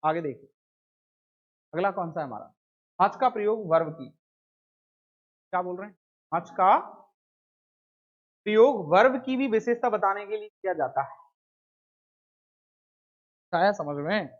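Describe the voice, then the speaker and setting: A man's voice: high voice, expressive, measured pace, long pauses. Hindi-speaking male teacher quizzing his class. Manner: keeps asking the class rhetorical questions and answers them himself. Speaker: English grammar teacher. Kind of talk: classroom lecture. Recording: dull lo-fi recording.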